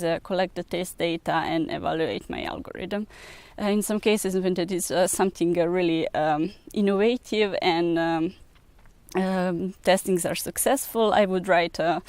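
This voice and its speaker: A young woman with a Serbian accent talks about her research work, often pausing with filler sounds as she searches for words. Her voice sits a little low and sounds smooth and clear, recorded close and dry with no room around it. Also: a little mellow, no echo. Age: young adult. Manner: hesitant, many filler sounds. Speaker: researcher and PhD student. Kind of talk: recruitment video interview.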